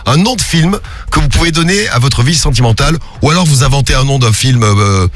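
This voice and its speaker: A man hosting a morning radio show, teasing his co-hosts and listeners in lively banter from the studio. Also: mid-range voice, a little fast. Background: music bed.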